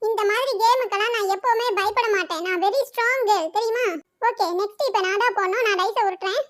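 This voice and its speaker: A brash, boastful girl doll brags in a very high, squeaky voice. She talks like a fearless show-off in a toy doll story. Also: fairly quick, a bit bright.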